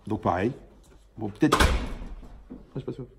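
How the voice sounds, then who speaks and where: Male rabbi, informal religious lesson to a live room; gravelly tone, jokey, conversational teacher. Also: fairly low pitch, measured pace, very noisy. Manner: joking, conversational, quizzes the audience.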